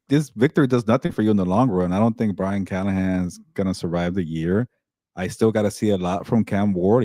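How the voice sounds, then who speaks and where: A man's voice: on the low side, mellow, no room sound, studio quality. A man co-hosting a sports podcast, giving blunt, opinionated takes in casual talk. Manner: blunt, opinionated, fast-talking. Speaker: podcast co-host.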